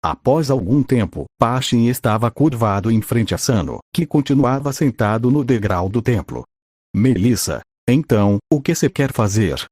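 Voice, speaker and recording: A man narrating a fan story, reading the narration and the characters' lines in an even, flat delivery. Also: mid-range voice, moderate pace, husky, dry recording, clean studio sound.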